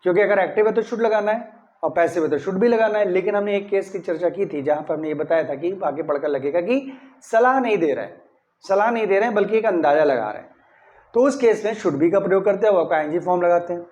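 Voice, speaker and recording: High-voiced male grammar teacher. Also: fast, a little mellow, lo-fi sound. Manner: explains step by step, often asks "clear?"; stresses key words when saying model sentences. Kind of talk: classroom-style grammar lesson.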